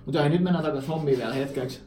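A man co-hosts a relaxed podcast from an office, rambling and laughing between thoughts. His voice sounds a bit distant from the mic, with a roomy echo around it. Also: fairly high pitch. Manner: rambling, laughs often, mixes in English phrases. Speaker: podcast co-host. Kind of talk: casual podcast chat.

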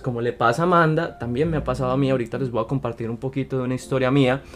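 A man's voice: mid-range voice, a little mellow. A man hosting a casual motivational talk, speaking in an earnest, coaching way. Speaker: podcast host.

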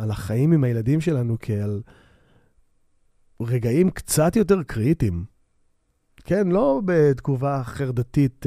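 A bassist hosting his own solo podcast talks casually into a new microphone on a stand, rambling with lots of fillers and restarts. His medium-pitched voice is mellow, and he's self-deprecating and quick to laugh, often poking fun at himself. The recording is dry with clean studio sound.

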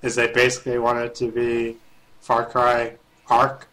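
A man's voice: medium pitch, completely flat delivery, unhurried, pushed and bright, poor audio. A man co-hosting a gaming podcast in casual, joking chat. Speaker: podcast co-host.

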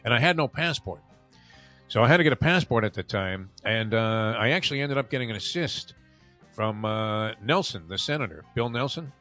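A man's voice: mid-range voice, lively intonation, moderate pace, a bit bright, faint music behind. An older man hosting a radio show, chatting casually and telling long stories full of fillers and restarts. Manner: rambling storyteller, many fillers and restarts.

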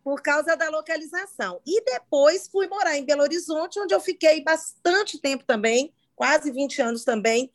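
A middle-aged podcast host from Minas Gerais, Brazil, chats casually with a faint local accent in her Brazilian Portuguese. Her high-pitched voice moves at a moderate pace with few pauses, and she often restarts her sentences.

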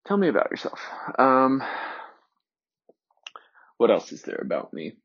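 Hesitant, husky-voiced young man in his twenties. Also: medium pitch, wildly swooping pitch. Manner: hesitant, soft-spoken, many pauses and fillers. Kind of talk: introspective solo monologue. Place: sitting alone in a room. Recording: dull lo-fi recording.

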